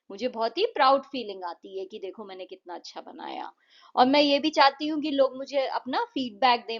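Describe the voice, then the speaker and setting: A woman with an Indian accent, teaching an English lesson and explaining a poem in simple, patient steps, reading English lines aloud slowly. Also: fairly high pitch, highs cut off.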